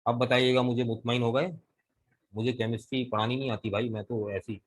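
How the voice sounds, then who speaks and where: A man with a Pakistani Urdu accent teaches a live online class over a video call. His voice sits at an ordinary middle pitch, and he explains things patiently, step by step. He keeps pausing to ask his students questions. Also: little pitch movement, low-quality recording. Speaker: English vocabulary teacher.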